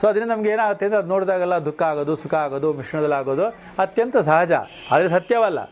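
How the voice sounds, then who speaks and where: A man's voice: high voice, fast talker, lo-fi sound. A man teaching scripture in a spiritual discourse, who keeps putting questions to his listeners. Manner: animated, often asks the listeners questions.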